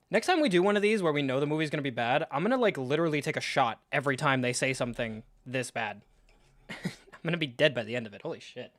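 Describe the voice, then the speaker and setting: A man's voice: mid-range voice, expressive, fairly quick, long pauses, a bit bright, no room sound. A young man streaming a live film reaction and ranting about it with sarcastic, profane disbelief. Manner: sarcastic, profane, incredulous rants.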